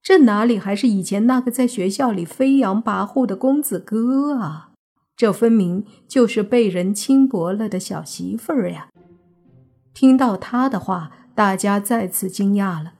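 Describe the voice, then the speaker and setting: A woman narrating a serialized novel as an audiobook host, telling the story in a measured way and voicing the characters' dialogue. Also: mid-range voice, a little mellow, husky.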